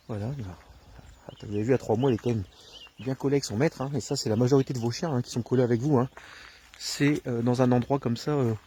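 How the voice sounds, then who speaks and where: A man explaining dog training outdoors on a rural path, talking to viewers in a relaxed way with many hesitations, filmed alone on a handheld camera. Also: mid-range voice, a little hiss or hum. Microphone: camera filming alone, held himself.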